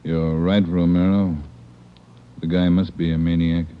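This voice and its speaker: A fairly deep police chief of detectives, gruff and commanding, in vintage radio crime style. The audio is muffled with faint noise. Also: male voice, level tone, unhurried. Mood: questioning. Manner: brusque, commanding. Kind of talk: old-time radio acting. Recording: muffled, hissy old radio broadcast.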